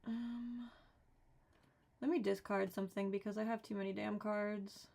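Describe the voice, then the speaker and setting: A woman's voice: medium pitch, level tone, a little slow, creaky, a little mellow. A woman streaming a solo board game, casually thinking aloud, counting cards and talking herself through the rules with mildly exasperated asides.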